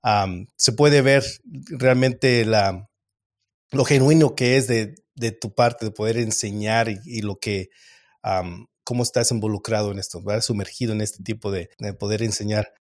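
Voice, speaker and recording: A man from Argentina hosting a podcast, asking thoughtful, drawn-out interview questions with occasional fillers. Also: fairly low pitch, steady tone. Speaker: podcast host.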